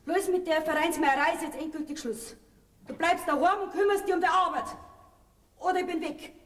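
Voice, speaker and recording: A scolding, indignant Bavarian farm wife and mother, her voice very high. It is a folk stage comedy heard from far off in a hall, with a long echo trailing her words. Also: a little fast. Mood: defiant. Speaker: stage actor. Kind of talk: folk theater comedy acting.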